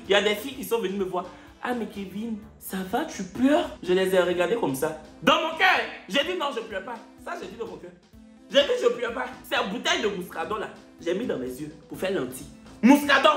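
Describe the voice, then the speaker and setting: Animated Ivorian man telling a comic story. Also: high voice, echoey room. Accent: Ivorian French. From Côte d'Ivoire. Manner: animated, acts out every part of the dialogue. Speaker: comedian.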